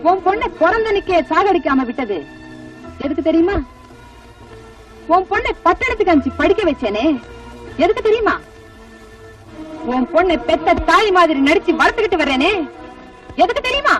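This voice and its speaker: A woman's voice: very high-pitched, lively intonation, moderate pace, long pauses, a bit bright. An actress playing a scheming middle-aged stepmother who talks in sly, pointed questions. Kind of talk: Tamil film dialogue. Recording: distant film soundtrack with music.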